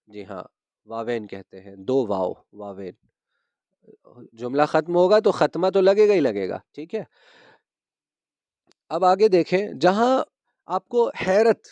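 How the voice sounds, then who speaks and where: A male teacher with a slightly high voice explains a grammar lesson patiently. He repeats the key terms and keeps asking whether his students follow. The recording is close and dry. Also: darkish tone, no echo.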